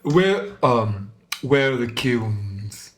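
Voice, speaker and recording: A man's voice: medium pitch, sing-song, very slow, roomy sound. A man playing a tabletop game, casually asking the game master lots of questions. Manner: curious, asks many questions. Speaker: player.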